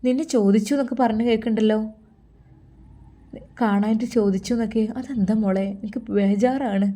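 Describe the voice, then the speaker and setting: A woman's voice: a little high, fairly even intonation, fairly quick, warm tone, lightly acted. A woman voicing an earnest, protective middle-aged mother, pleading and warning in a storybook. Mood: anxious pleading.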